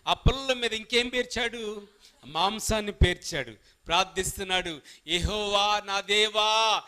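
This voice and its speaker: High, bright-voiced preaching man. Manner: calls on the congregation to shout along; asks the listeners questions and answers them himself. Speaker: pastor. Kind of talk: sermon.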